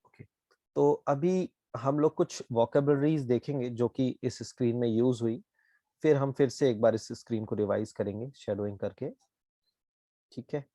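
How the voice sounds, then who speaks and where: A man with an Indian accent, a Japanese teacher explaining words slowly and asking "ठीक है?" often. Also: medium pitch, dark tone, dry recording. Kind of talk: online class explanation.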